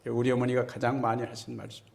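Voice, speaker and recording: A man's voice: mid-range voice, monotone, fast talker, gravelly, a little mellow. A man preaching a sermon as pastor, folksy and chatty, often checking in with his listeners. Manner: folksy, keeps asking the congregation "right?".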